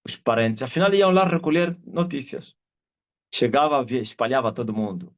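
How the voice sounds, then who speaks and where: A middle-aged man with an Angolan Portuguese accent, an apostle giving an animated testimony sermon over a live video call. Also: medium pitch, moderate pace. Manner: animated storyteller, acts out quoted voices and shouts. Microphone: video call audio. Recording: dull lo-fi video call audio.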